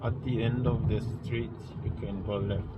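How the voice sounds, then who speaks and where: A man's voice: lowish voice, flat delivery, moderate pace. A man speaking as a driving examiner, giving short, polite, procedural route instructions from inside a moving car. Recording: dull in-car audio, loud road noise.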